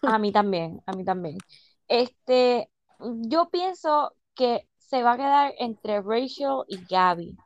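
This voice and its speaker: A young woman with a Puerto Rican accent chatting casually as a podcast co-host, expressive and switching into English phrases. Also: fairly high pitch, slow, dry recording, highs cut off. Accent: Puerto Rican Spanish. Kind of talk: casual chat about a reality dating show.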